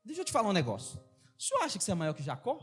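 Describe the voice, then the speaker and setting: A preacher acting out an indignant, sharp-tongued Samaritan woman in the middle of a sermon. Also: wildly swooping pitch, racing, breathy edge, soft background music, full character voice. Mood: scolding. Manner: exaggerated high indignant delivery. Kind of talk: acted quote within a sermon.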